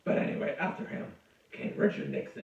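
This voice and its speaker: A man's voice: brisk, background noise. A man giving a crude, rambling comic history lecture, cursing and interrupting himself. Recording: echoey, distant, dull lo-fi room sound.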